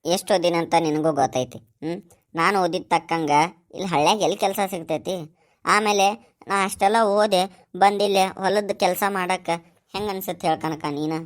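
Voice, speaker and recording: A woman voicing a young village man working abroad, gentle and pleading, with a North Karnataka Kannada accent. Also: lowish voice, moderate pace, natural voice. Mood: calm. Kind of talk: cartoon voice acting.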